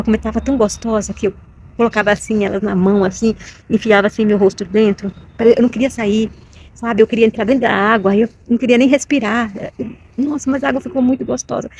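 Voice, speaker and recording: A woman's voice: medium pitch, darkish tone, a little hiss or hum. A middle-aged woman with a Brazilian Portuguese accent, telling a personal story to camera in an emotional, repetitive way, often asking "you know?". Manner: emotional, repetitive, with many tag questions. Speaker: vlogger.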